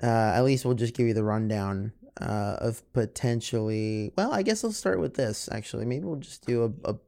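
A man co-hosting a podcast in loose, casual chat. He rambles, stops to restart his sentences, and fills the gaps with ums and uhs in a voice of ordinary middle pitch. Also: animated, gravelly, dark tone. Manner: rambling, halting, many fillers. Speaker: podcast co-host.

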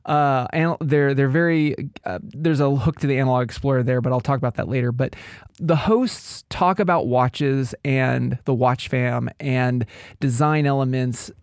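A man's voice: mid-range voice, normal speed, clean tone, no room sound, studio quality. A man hosting a podcast in informal conversation, rephrasing himself as he goes. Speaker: podcast host. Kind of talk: casual chat.

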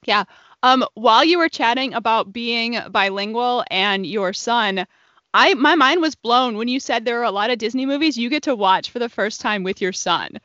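A woman's voice: on the high side, animated, moderate pace, bright, forceful tone, no echo. A woman hosting a podcast, enthusiastic and affirming, chatting casually with her guest. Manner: enthusiastic, affirming with frequent "mm-hmm". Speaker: podcast host. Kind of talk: casual interview chat. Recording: dry, slightly lo-fi podcast audio.

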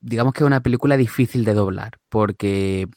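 A man with a Spain Spanish accent, casually discussing films and pausing to restart phrases as he searches for words. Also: fairly low pitch, a little mellow, no room sound, studio quality.

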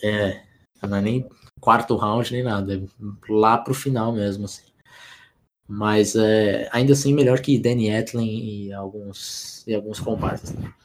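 A man co-hosting a sports podcast, talking in a relaxed, rambling way with many restarts. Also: lowish voice, unhurried. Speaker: podcast co-host. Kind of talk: casual sports podcast analysis.

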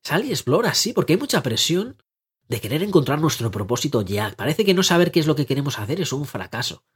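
A man with a slightly husky voice talks through a casual podcast monologue. He coaches listeners in a lively, conversational way and keeps asking rhetorical questions. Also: a little high, fast talker. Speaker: life coach and podcast host.

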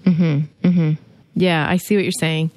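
A woman's voice: low voice, little pitch movement, unhurried, a little mellow, dry recording. A woman co-hosting a podcast in casual chat, often affirming with "mm-hmm" and "yeah" and wrapping up the show. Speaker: podcast co-host.

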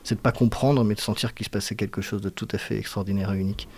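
A man's voice: lowish voice, steady tone, quick pace, no room sound. A man from France, an actor, speaking reflectively in a casual interview, often hesitating as he searches for words. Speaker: guest actor.

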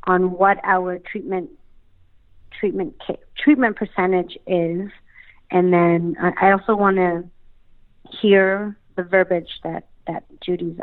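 A woman's voice: on the low side, level tone. Woman on a choppy, cutting-out call. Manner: halting, with frequent restarts. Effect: choppy call audio cutting in and out. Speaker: dental practice owner. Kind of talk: casual chat over a video call. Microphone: video call. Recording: tinny dry internet call audio.

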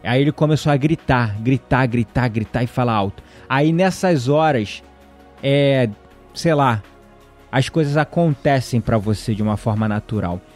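A man's voice: medium pitch, normal speed, faint music behind. A man telling a story in casual conversation, acting out the voices of the people in it. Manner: animated, acts out quoted voices.

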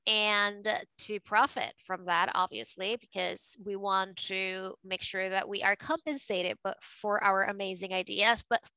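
A woman in her forties from Venezuela, with a mix of Venezuelan and New York accents, talking lively in quick bursts as a podcast guest. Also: mid-range voice, clear, resonant tone, dry recording, rough recording. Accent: Venezuelan Spanish mixed with New York. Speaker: podcast guest, art advisor. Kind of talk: casual interview talk.

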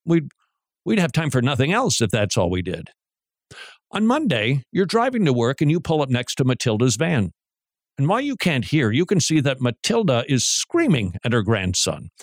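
A man hosting a talk radio show, joking and animated, who often restarts his sentences. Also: mid-range voice, normal speed, dry recording, clean studio sound.

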